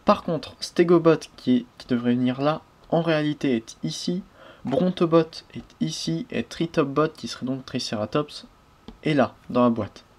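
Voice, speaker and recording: A man's voice: on the high side, normal speed, darkish tone. A man hosting a casual toy unboxing review, chatty and prone to small hesitations and self-corrections.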